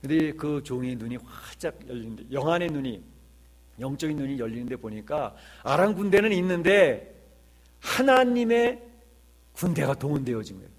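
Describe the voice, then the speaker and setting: A man's voice: mid-range voice, lively intonation, fairly quick. A male pastor preaching a sermon in an earnest way, with emphatic swells and rhetorical questions.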